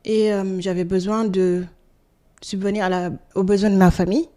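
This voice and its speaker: A woman around forty from Senegal, answering interview questions in a hesitant, soft-spoken way with many pauses. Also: medium pitch, flat delivery. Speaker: guest.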